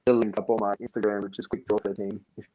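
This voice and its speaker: Male guest, relaxed, plain-spoken, dull lo-fi line. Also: fairly low pitch, fast talker. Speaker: guest artist. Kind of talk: casual chat on a video call.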